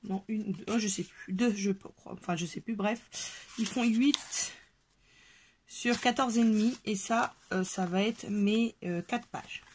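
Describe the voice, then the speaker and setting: A woman with a mid-range voice talks through a craft tutorial in a relaxed, chatty way. She is hesitant and pauses often with fillers as she works, while steady background noise runs under the home recording.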